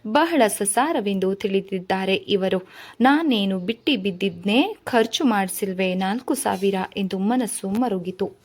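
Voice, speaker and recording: A woman reads a novel aloud as a storyteller, in her own voice. Her narration is measured and expressive, at a middle pitch.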